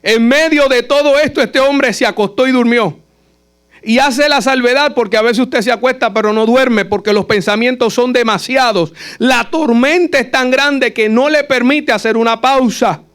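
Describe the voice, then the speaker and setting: A man's voice: very high-pitched, normal speed, a bit bright, clear, resonant tone. A man preaching at a Bible study, earnest and emphatic, repeating phrases to drive each point home. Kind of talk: sermon.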